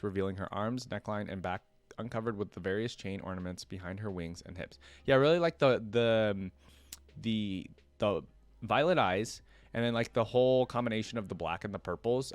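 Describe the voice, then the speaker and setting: On a dry recording, a lowish-voiced YouTube reaction host reads reference text out loud, then stops to offer casual, off-the-cuff remarks.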